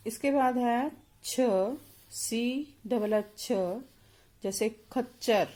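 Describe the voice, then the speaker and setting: Lady teacher spelling out words super slow, one letter at a time, patient phonics class. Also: fairly high pitch, a little mellow. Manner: spells out letters then says each word slowly and deliberately.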